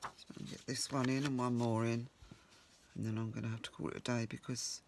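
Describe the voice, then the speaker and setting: Working at his home craft table, a crafting channel host with a croaky voice talks casually to himself at a fairly quick clip. His medium-pitched delivery is flat, with slight noise in the background.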